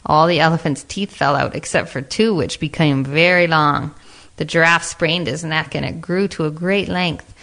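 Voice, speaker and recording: Low-voiced woman telling a fable. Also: normal speed, a bit bright. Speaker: narrator. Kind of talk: storybook narration.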